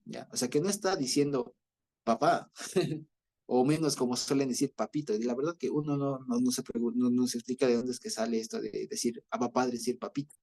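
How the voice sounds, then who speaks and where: A man with an Ecuadorian accent teaching a Bible study, explaining slowly and often checking that his listeners follow. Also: medium pitch, fairly even intonation, mellow. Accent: Ecuadorian Spanish. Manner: explanatory, repeats himself with many fillers and checks for understanding. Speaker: preacher.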